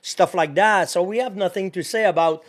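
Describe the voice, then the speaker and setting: Man, French accent, native French speaker, animated podcast guest, laughs often, high voice. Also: normal speed. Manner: animated, laughs often, searches for English words. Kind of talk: casual interview.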